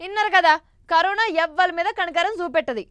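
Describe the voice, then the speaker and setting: A woman's voice: very high voice, brisk, fairly bright tone, no echo. A woman, scolding and teasing in a comedy news skit. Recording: voice over background music.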